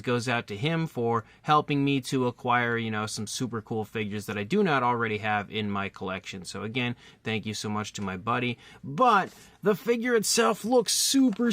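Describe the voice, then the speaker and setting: A man's voice: mid-range voice, a bit bright, no echo. A man hosting his own toy review channel, talking in an upbeat, chatty and detailed way with casual fillers.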